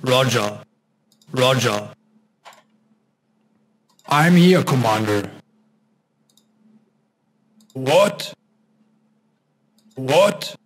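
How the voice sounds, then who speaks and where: A man voicing a huge male android combat unit in a game, his voice disguised deeper and run through a processed android filter. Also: animated, poor audio. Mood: clipped. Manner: disguised deeper voice, slow clipped orders.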